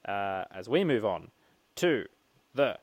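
A man co-hosting a casual gaming podcast, playful and animated, often laughing. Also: on the low side, slow pace. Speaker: podcast co-host.

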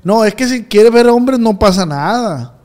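A man's voice: sits high, animated, moderate pace, darkish tone. A man hosting a casual interview, asking teasing, prodding questions. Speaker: podcast host.

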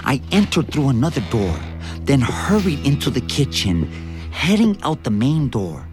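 Expressive male first-person narrator. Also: medium pitch, normal speed, music in the background. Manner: vivid, expressive storytelling. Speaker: narrator and lead actor.

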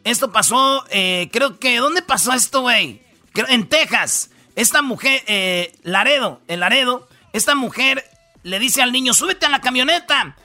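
Mexican Spanish man, radio comedy host, high voice, very bright tone, slangy rambling stories. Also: lively intonation, measured pace, faint music behind. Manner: rambling, slangy, jokey storytelling. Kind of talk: comic news rundown.

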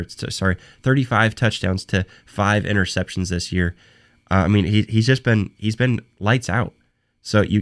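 A young podcast host with a fairly low voice runs a solo sports talk show, hoarse from a cold and with his voice giving out. He speaks off the cuff in halting spurts, restarting phrases and repeating words.

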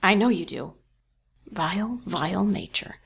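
An actress playing a smooth, sinister corporate woman hosting a radio show in an audio drama, coolly persuasive, with faint music behind her. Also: on the low side, expressive, unhurried, full character voice. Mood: silky menace.

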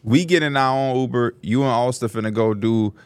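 Animated man telling a funny podcast story. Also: brisk, smooth, no room sound. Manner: animated, jumps into high voices to quote people; slangy, laughs through his stories. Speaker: podcast co-host. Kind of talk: casual storytelling chat.

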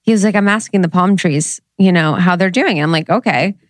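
Woman co-host, mid pitch, eager storyteller, dry close mic. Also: brisk, no echo. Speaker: podcast co-host. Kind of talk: casual chat.

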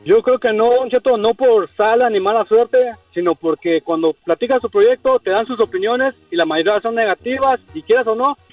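Calm male caller, dull line. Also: high-pitched, moderate pace, few pauses, no room sound. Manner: calm, reasoned. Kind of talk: radio call-in. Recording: dull distant phone call with faint music.

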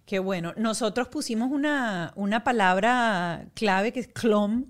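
A woman, chatting casually as a podcast host and telling family stories with lively, animated emphasis. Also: medium pitch, unhurried. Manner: animated storytelling, acts out her own exasperation. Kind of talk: casual chat.

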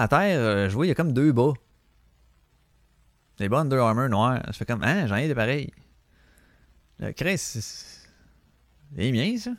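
A man's voice: lowish voice, dry recording. A man with a Quebec French accent hosting a podcast, telling stories in a rambling, slangy way and swearing freely. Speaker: podcast host. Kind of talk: casual storytelling monologue.

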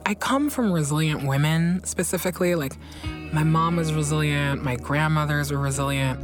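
A low-pitched woman from Guinea and Belgium speaks at a moderate pace as an interview guest, with music playing beneath her. Candid and informal, she leans on repetition for emphasis in this casual conversation.

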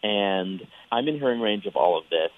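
A man's voice: lowish voice, lively intonation, normal speed. A man talking over a phone line on a radio show's speakerphone, hesitant and stumbling over his words as he explains himself. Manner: hesitant, stammering restarts. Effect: heard over a phone line on speakerphone. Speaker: radio call-in guest. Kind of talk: casual phone chat.

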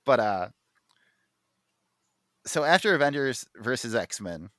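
A man's voice: medium pitch, sing-song, slow pace, a bit bright, no room sound, clean studio sound. A man co-hosting a podcast, chatting casually and enthusiastically, full of fillers and restarts. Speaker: podcast co-host. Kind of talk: casual comic book chat.

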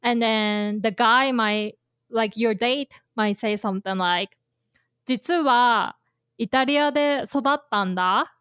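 Slow-talking woman teaching Japanese. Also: on the high side, fairly bright tone, smooth, no room sound, studio quality. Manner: explains with imagined scenarios, many fillers. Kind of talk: casual language lesson chat.

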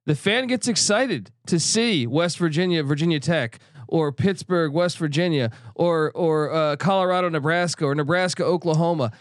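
A man giving opinionated, casual sports talk as a podcast guest, blunt and sweary with halting restarts. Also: on the high side, no echo, clean studio sound. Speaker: podcast guest and college football pundit.

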